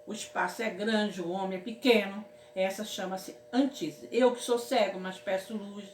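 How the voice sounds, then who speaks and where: A woman's voice: mid-range voice, fairly even intonation, normal speed, slight background noise. A woman teaching a casual grammar lesson, from Brazil, affectionately calling her students "my loves" and checking in with them often. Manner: affectionate, repeats "certo, meus amores?". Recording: echoey room with faint ambience.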